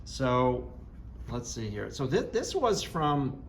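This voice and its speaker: A man's voice: mid-range voice, very animated, slow pace, a little hiss or hum. A man hosting a casual interview in a classroom as art teacher, gushing with praise. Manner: enthusiastic, effusive praise. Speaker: art teacher and video host. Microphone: handheld camera, no tripod.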